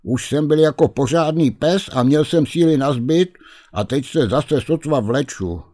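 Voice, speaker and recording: A man's voice: on the high side, darkish tone, no echo, clean studio sound, voice pushed up, natural voice. A man voicing a small, weary male ghost creature who pleads plaintively in a raised voice. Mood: pleading.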